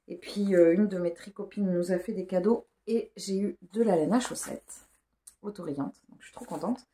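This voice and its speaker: A woman's voice: fairly low pitch, mellow. A woman chatting casually for a vlog, informal and hesitant as she thinks aloud. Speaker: vlogger. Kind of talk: casual rambling vlog chat.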